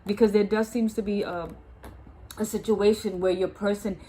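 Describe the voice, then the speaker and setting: A tarot reader with a cold speaks in a steady, mellow, mid-range woman's voice at a normal pace, her nose clearly blocked. She keeps repeating herself, restarting phrases, and checking that the listener follows. The low-quality recording carries a faint hiss or hum.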